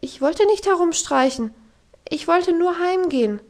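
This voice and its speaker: A woman's voice: extremely high pitch, expressive, unhurried, a little mellow, pitched above the performer's own voice, exaggerated voice. A woman voicing an earnest, homesick little girl in an audiobook, pleading as her words tumble out. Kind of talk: audiobook reading.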